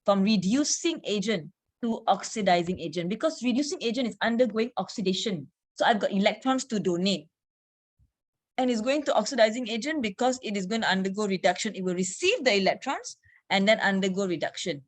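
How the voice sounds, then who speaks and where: Brisk woman teacher quizzing her class. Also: medium pitch, lively intonation. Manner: brisk, quizzing students, frequent "okay". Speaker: chemistry teacher. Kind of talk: online class revision lesson.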